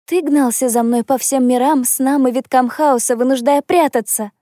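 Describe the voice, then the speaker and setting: A betrayed, vengeful young woman lashes out in a high, strained voice that hisses its threats, as a male narrator puts her on. The character is pushed well above the reader's own pitch. The sound is close and dry, like a storybook reading. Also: fairly even intonation, normal speed, mellow, no room sound. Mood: accusing. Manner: accusing, fierce, hissing.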